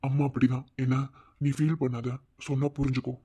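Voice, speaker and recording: A calm young husband in a village cartoon, voiced by a man, speaking with a Madurai accent. He reassures his wife and his mother in a soft, soothing tone. His pitch sits right in the middle. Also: brisk, slightly rough, natural voice. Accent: Madurai Tamil. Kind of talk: cartoon voice acting.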